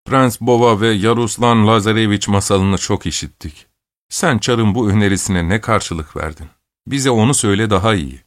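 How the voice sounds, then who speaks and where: A man's voice: fairly low pitch, normal speed, no echo, clean studio sound, natural voice. A man voicing an elderly, pious, talkative aunt who exclaims and pleads in an audiobook. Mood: pleading. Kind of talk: audiobook character voice.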